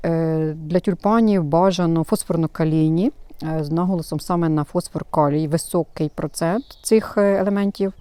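A woman's voice: on the low side, warm tone, no room sound. A woman hosting a gardening channel, explaining things in a chatty, hesitant way with lots of fillers, outdoors in her flower bed while filming herself. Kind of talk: casual gardening how-to. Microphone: self-filmed camera.

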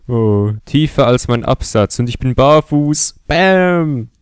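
A man's voice: medium pitch, expressive, slow, smooth, no echo, clean studio sound. A young man hosting a comedy video, mocking and sarcastic as he comments, often laughing. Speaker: YouTuber host.

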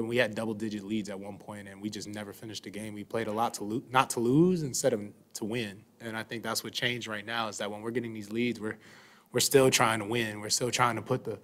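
A young man, a basketball player, answering reporters at a postgame press conference. He speaks into a desk microphone in a press room, relaxed and thoughtful, with plenty of "um"s and "you know"s. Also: lowish voice. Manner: relaxed, thoughtful, many fillers.

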